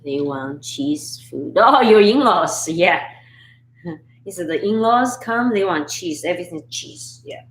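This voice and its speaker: Her voice sits fairly low, expressive and slow-paced, as she chats and laughs with live-stream viewers while chopping for her cooking show. She's from Sichuan, China, speaks Chinese as her first language, and films in her home kitchen. The camera and phone setup gives a rough, reverberant recording with a little hiss or hum.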